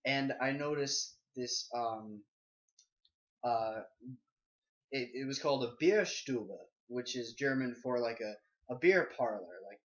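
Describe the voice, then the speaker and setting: A man chatting on a casual podcast in a middle-pitched voice, stumbling through his story with plenty of ums and false starts. The recording sounds dull and lo-fi. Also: slow. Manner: hesitant, many ums and restarts, laughs while telling stories. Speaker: podcast co-host.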